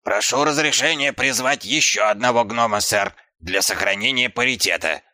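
A man's voice: medium pitch, moderate pace, sharp tone, dry recording, studio quality. A man voicing a hot-tempered young male dwarf guard who rants sarcastically. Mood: ranting. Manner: ranting, sarcastic.

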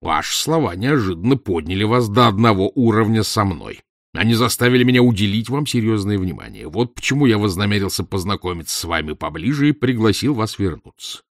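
A man's voice: lowish voice, very animated, fairly quick, no echo, clean studio sound. A man voicing a pompous, arrogant older male professor who talks down to his listener in a lecturing way. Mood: condescending. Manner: haughty, lecturing, condescending. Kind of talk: audiobook reading.

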